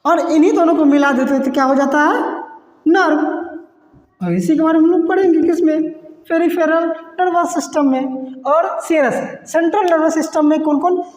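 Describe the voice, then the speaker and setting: High-voiced male biology teacher, echoey room. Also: steady tone, moderate pace. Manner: repeats key terms and quizzes students; mixes in English phrases. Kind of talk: classroom lecture.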